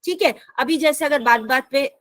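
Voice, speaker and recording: High-voiced patient woman teacher. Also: fairly bright tone, no room sound. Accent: Indian English. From India. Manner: patient, repeats and rephrases often; slows down sharply to read English lines. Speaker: English teacher. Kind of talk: explaining a school English lesson in Hindi.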